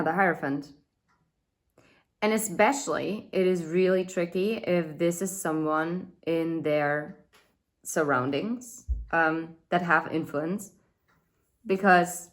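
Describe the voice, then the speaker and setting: A woman's voice: on the low side, takes it slowly, pauses often. A woman giving a casual tarot reading indoors by a window, chatty and rambling, with fillers and asides. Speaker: tarot reader.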